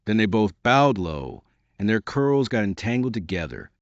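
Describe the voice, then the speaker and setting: Male audiobook narrator, low, animated storytelling. Dull, dry lo-fi recording. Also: normal speed, dry recording. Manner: lively, expressive storytelling. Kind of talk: scripted narration of a classic tale.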